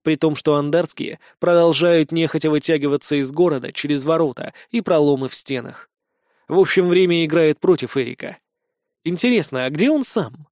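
A man reading a first-person fantasy audiobook in a measured storytelling manner. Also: a little high, darkish tone, no room sound, studio quality. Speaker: audiobook reader.

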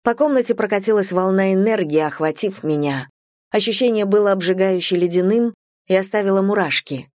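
A woman narrating a fantasy audiobook in the first person, her voice sitting in a middle register. She reads expressively and lifts into sharp, indignant lines when the heroine speaks. The sound is dry and close to the mic. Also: medium pitch, fairly quick, no room sound.

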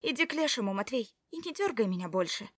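A woman's voice: on the high side, big pitch swings, fast, dry recording. A woman plays a blunt young sister in an audiobook, curt and dismissive. The voice is dry and close, with no room around it. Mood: irritated.

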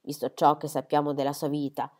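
A woman voicing a calm middle-aged male country doctor who speaks in a measured, reasoning way. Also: sits low, pitched below the performer's own voice, natural voice.

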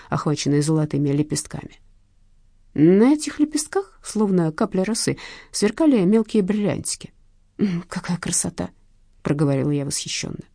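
A woman narrating a first-person audiobook in a brisk, ironic storytelling manner. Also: fairly low pitch, warm tone, no room sound, studio quality.

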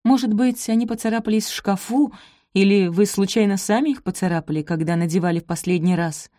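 A woman's voice: medium pitch, fairly quick, mellow, no echo, clean studio sound, voice pushed up, close to an everyday voice. A woman voicing a timid, polite young servant woman who placates and stammers in an audiobook. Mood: placating.

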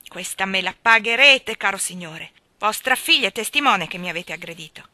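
A man's voice: high-pitched, normal speed, pushed and bright, no room sound. A woman voicing a haughty, curt lawyer. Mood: bitter. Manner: curt, arrogant. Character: haughty scheming male lawyer.

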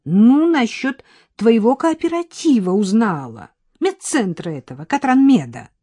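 A woman's voice: on the high side, big pitch swings, measured pace, dark tone, breathy edge, no room sound, clean studio sound, pitched above the performer's own voice, heavily acted. Milka, a coquettish young woman, read by a woman. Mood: urgent. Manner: coquettish, teasing, talkative.

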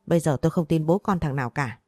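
A woman voicing an angry older father who speaks in rapid, furious bursts. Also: low-pitched, no echo, clean studio sound, soft background music. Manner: furious, rapid shouting threats.

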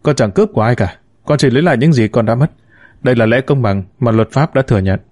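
A man's voice: medium pitch, fast talker, darkish tone, no echo, studio quality, lightly acted. A man voicing an earnest, stubborn young adult son who argues firmly with his mother in an audiobook story. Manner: earnest, pleading yet firm.

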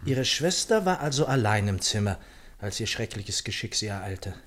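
An actor playing a polite, sympathetic gentleman doctor, the detective's companion, in a German radio play, with a husky voice. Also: lowish voice, very animated, normal speed. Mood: concerned, inquiring.

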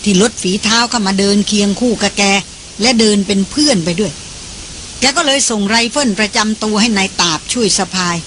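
A reader narrating an adventure novel for an audiobook in a steady storytelling manner. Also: medium pitch, brisk, slight background noise.

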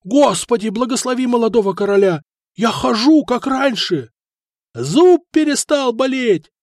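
A male narrator plays common men from a port crowd, raving and shouting with joy. The voices are pitched very high and loud, recorded close and dry. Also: normal speed, no echo. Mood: ecstatic.

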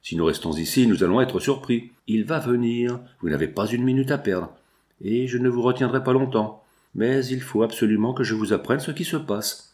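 A man's voice: mid-range voice, moderate pace, a little mellow, close to an everyday voice. A man voicing a resolute young woman who insists on being heard, in an audiobook. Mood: insistent. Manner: firm, insistent.

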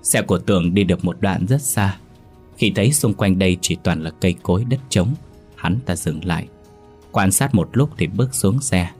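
A male storyteller narrates a ghost tale in a deep, husky voice. The delivery is steady and dramatic, with faint music underneath. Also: normal speed. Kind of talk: scripted horror story narration.

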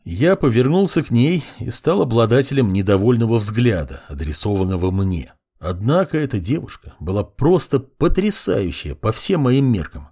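A man narrating a first-person fantasy audiobook in an ironic, expressive way. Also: mid-range voice, moderate pace, few pauses, husky.

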